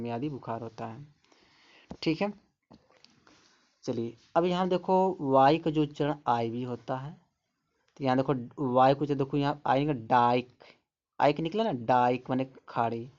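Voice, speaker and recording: A man giving an English phonics lesson, slowly sounding out and repeating words, patiently explaining each one. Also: mid-range voice, a little mellow. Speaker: English teacher. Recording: dull lo-fi sound.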